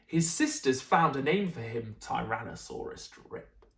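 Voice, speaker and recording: A woman reads a bedtime picture book with a lively, sing-song delivery and small asides to her listeners. Her voice carries an echoey room sound. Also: a bass voice, unhurried. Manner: expressive, adds gentle asides. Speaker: teacher. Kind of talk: bedtime story reading.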